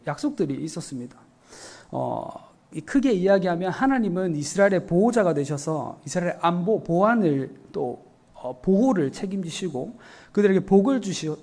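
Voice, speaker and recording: Gravelly-voiced Korean pastor preaching. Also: male voice, sits high, darkish tone. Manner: earnest, explanatory preaching with frequent "어" fillers. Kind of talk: evening church sermon.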